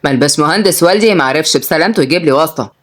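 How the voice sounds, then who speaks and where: A woman voicing an annoyed young man, a student son who grumbles in a lowered voice. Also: expressive, rapid-fire.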